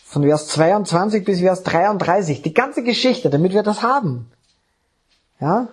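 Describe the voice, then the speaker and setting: A man's voice: sits high, expressive, a little slow, breathy edge. A man preaching a sermon with emphasis, often checking in with the congregation. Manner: emphatic, keeps checking in with the audience.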